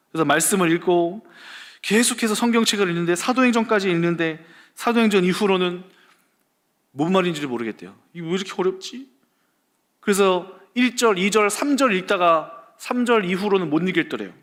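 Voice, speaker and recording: Pastor guy telling a story in a sermon, high voice, lively. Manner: animated storytelling. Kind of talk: storytelling church history lecture.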